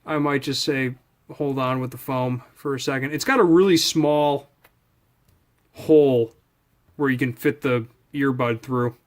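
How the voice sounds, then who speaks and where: Measured in pace and fairly even in intonation, a man with a medium-pitched voice hosts an unscripted unboxing for his product review channel. He chats informally, rambling and thinking aloud while handling things.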